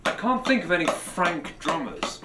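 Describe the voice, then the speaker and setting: A drum teacher chats casually on a live stream while he practices in a room with a drum kit, musing aloud and chanting counts and drum syllables. His voice is a little high and expressive at a normal speed. The roomy stream is very noisy, full of loud clattering percussion.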